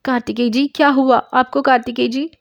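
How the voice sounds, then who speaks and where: A woman reading a story aloud, voicing a soft-spoken, devoted young wife who pleads through tears. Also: sits high, fairly even intonation, brisk, no room sound, clean studio sound, pitched above the performer's own voice. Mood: pleading.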